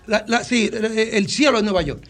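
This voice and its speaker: A man with a Dominican accent and a fairly high voice tells his story as a radio guest. He talks in an animated way and often stumbles and repeats himself as he restarts a sentence. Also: normal speed. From Dominican Republic. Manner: animated, many restarts and repetitions. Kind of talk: casual storytelling interview.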